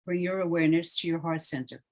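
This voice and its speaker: Meditation guide, guided relaxation read, hushed and soothing, trails off softly, mid-pitched. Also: fairly even intonation. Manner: slow, soothing, hushed delivery.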